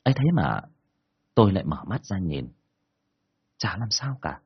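A man telling a first-person ghost story in a colloquial, earthy, expressive way, in a dull lo-fi recording. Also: deep voice, moderate pace, creaky, breathy edge.

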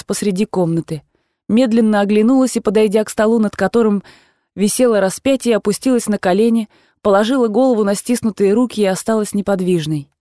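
A woman narrating a classic novel in a calm, measured audiobook reading. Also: medium pitch, dry recording, studio quality. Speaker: audiobook reader.

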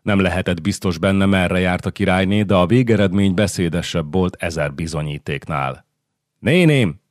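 A man reading a historical novel aloud as audiobook narrator, with steady, measured storytelling. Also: low voice, no room sound, clean studio sound.

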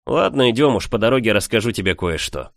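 A male narrator voicing a lively, teasing young man in an audiobook, talking in a raised, animated voice. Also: lowish voice, fast talker, gravelly, no echo, clean studio sound. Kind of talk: audiobook character voice.

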